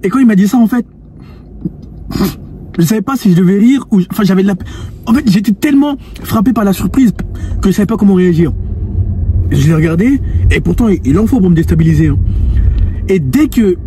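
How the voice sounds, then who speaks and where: In a monologue to the viewer, a dating and lifestyle coach in his twenties shares an anecdote about spirituality and women, speaking earnestly and restarting many times. He's high-pitched and expressive with a dark tone, talking briskly but leaving long pauses. There's slight background noise.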